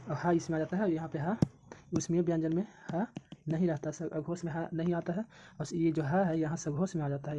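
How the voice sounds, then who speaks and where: A woman's voice: low-pitched, background noise. A woman teaching an exam coaching lesson, repeating syllables and terms over and over as she drills them. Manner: repetitive, drills syllables aloud.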